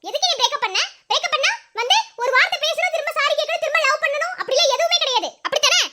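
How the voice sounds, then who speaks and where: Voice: extremely high pitch, lively intonation, rapid-fire, background noise. A voice actor playing a bossy, teasing young woman in a cartoon who mocks and scolds her boyfriend. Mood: scolding. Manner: mocking, scolding, laughing while she taunts. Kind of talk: cartoon voice acting.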